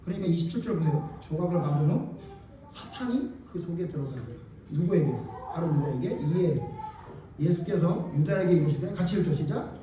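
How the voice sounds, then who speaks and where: A man's voice: on the high side, expressive, brisk, dark tone, a little hiss or hum. A male pastor preaching a sermon in a church, emphatic and colloquial, often firing questions at the congregation. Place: church sanctuary. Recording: very echoey hall, mic far off.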